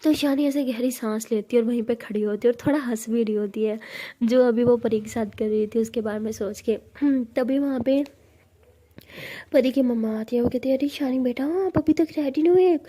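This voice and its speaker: A woman's voice: fairly high pitch, steady tone, normal speed, warm tone. A woman narrating a college love story in a casual storytelling style, acting out the characters' lines in a livelier voice.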